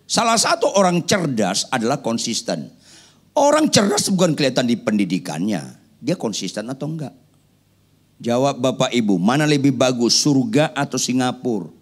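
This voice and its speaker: A man's voice: mid-range voice, sing-song, normal speed. A man preaching a sermon, firing rhetorical questions at the congregation with playful joking asides. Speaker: pastor.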